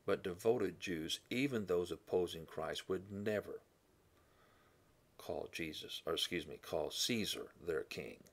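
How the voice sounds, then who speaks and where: A man teaching a Bible lesson in a classroom style, thinking aloud with fillers, correcting himself and often clearing his throat. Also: sits low, a little slow.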